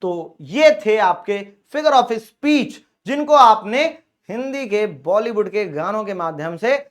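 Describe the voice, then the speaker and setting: A male teacher with a Hindi accent talks through an exam-prep grammar lesson in a fairly high voice. He explains points in Hindi and calls his students "bhaiya". When he reaches the English examples he reads them out slowly. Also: animated.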